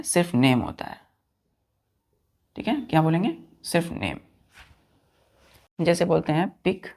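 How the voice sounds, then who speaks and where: A man's voice: on the high side, darkish tone. A man leads an online grammar lesson in a patient, repetitive way. He often asks his students whether they have understood. He mixes English terms into his explanations. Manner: asks students repeated check questions. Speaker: teacher.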